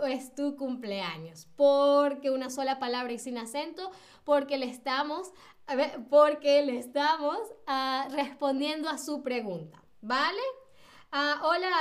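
A woman teaching Spanish grammar on a livestream, patiently repeating example sentences and checking in with her viewers. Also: sits high.

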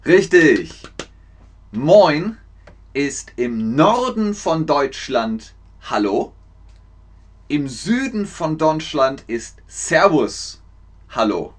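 A man teaches slang in a playful language lesson, slowly and deliberately. His slightly high voice swings widely as he repeats each word with exaggerated, theatrical demonstrations. He keeps an unhurried, animated pace.

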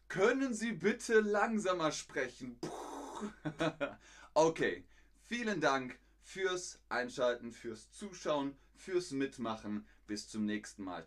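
A man teaching German on a live stream, speaking slowly in short, simple phrases for learners, reading chat messages aloud and barking loud example commands. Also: medium pitch. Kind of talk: live-stream language lesson.

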